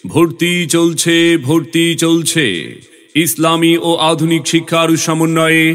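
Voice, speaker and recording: A man delivers a scripted promotional announcement in a formal, measured way. His voice sits a little high and stays on a very even pitch, pressing each phrase with emphasis. Light music plays behind him. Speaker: announcer for a school admission advert.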